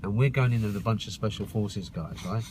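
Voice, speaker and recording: A man's voice: lowish voice, fairly quick, a little mellow, slight background noise. A man, a stand-up comedian, telling rambling anecdotes in a casual interview, often restarting his sentences.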